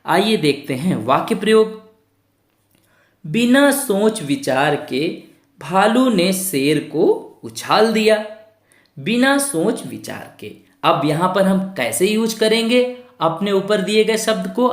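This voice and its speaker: A woman's voice: mid-range voice, big pitch swings, slow pace, roomy sound. A woman teaching a Hindi lesson to young children, spelling words out syllable by syllable and asking the class questions. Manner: repeats words for pupils to say along.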